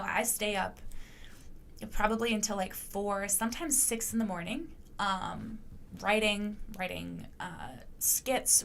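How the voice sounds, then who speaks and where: A young woman talks through her own podcast in a loose, rambling monologue. Her voice carries a gravelly fry, and she speaks bluntly, swearing freely. A faint hiss of background noise sits under her voice. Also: medium pitch, a bit bright. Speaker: podcast host. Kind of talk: casual monologue.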